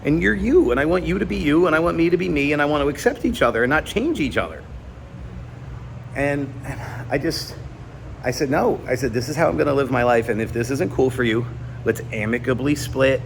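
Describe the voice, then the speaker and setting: A man's voice: a little high, lively intonation, fairly quick, gravelly, a little hiss or hum. A man in his forties, a YouTuber, talking candidly to his viewers in an earnest, confiding way, swinging between emphatic and subdued, standing in a gym. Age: 40s. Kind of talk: candid personal vlog monologue. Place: indoor gym.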